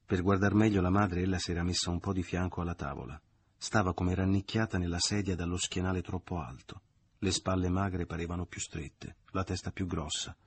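Male audiobook narrator, low register, husky texture, measured literary reading. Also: fairly even intonation. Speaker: audiobook reader.

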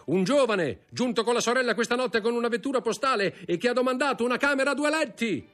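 A man's voice: mid-range voice, animated, normal speed, pitched above the performer's own voice, natural voice. A man doing a pompous old-style police sergeant. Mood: alarmed. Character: pompous male gendarme brigadier, self-assured.

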